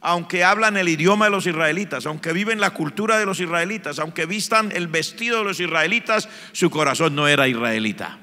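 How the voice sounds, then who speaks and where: A man preaching a sermon as pastor of a church, building from calm passages to fervent shouted appeals. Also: fairly high pitch, fairly quick, few pauses. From Colombia. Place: church sanctuary. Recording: long church hall reverb.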